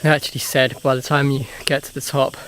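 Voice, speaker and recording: A man's voice: mid-range voice, little pitch movement, brisk. Breathless man vlogging on a hill trail. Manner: chatty, narrating to camera while hiking. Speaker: travel vlogger. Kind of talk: casual travel vlog. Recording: noisy outdoor ambience.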